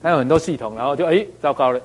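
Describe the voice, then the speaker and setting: A man giving a motivational talk, animated, telling stories and asking the audience rhetorical questions. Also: mid-range voice, rapid-fire. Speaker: speaker.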